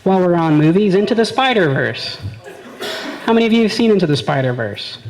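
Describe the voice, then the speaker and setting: Before a live audience at a comedy club, a young man rambles brashly through stand-up, imitating his friends as he goes. The voice sits high with lively intonation and a slightly quick delivery, and the audio quality is low.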